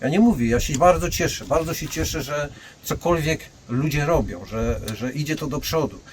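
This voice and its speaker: Brief: older martial arts master, blunt storyteller, slightly high voice, faint background noise. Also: male voice, moderate pace. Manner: blunt, anecdotal, addresses listeners directly. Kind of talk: storytelling monologue.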